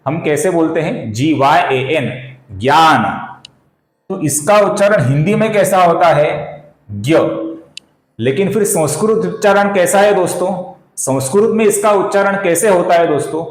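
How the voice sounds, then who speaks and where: Male teacher, Marathi accent, unhurried, repeats syllables, slightly high voice, echoey room. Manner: slow, deliberate, repeats syllables and addresses viewers as friends. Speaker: Sanskrit pronunciation teacher. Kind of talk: recitation lesson.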